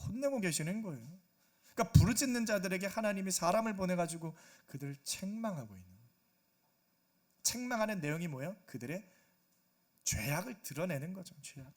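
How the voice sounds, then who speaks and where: High-voiced emphatic Korean pastor. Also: male voice, lively intonation, a little fast. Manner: emphatic preaching that voices people's prayers and rebukes. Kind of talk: sermon.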